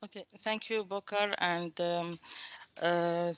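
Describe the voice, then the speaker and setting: A woman procurement coordinator presenting a webinar, steady, with fillers between phrases. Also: fairly low pitch, slow, smooth, no echo, dull audio.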